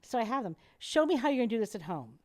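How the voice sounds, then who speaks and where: This middle-aged woman talks fast in a high-leaning voice. Interviewed on a podcast as an airway specialist, she explains and demonstrates like a lively teacher.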